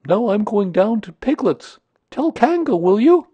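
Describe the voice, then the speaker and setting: A very high, swooping voice for a simple-minded storybook bear. The bear is eager and kindly, bouncing along with innocent enthusiasm in a dry, close recording. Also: male voice, very animated, a little slow, dark tone, husky, dry recording, highs cut off, heavily acted. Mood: cheerful. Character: naive, eager, kindly male toy bear. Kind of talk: children's storybook character reading.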